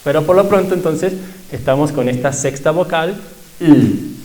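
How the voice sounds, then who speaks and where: A man teaches a pronunciation workshop with a voice a little higher than usual. He is patient and breaks each sound down, repeating it slowly for his students. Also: darkish tone, low-quality recording. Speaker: language teacher.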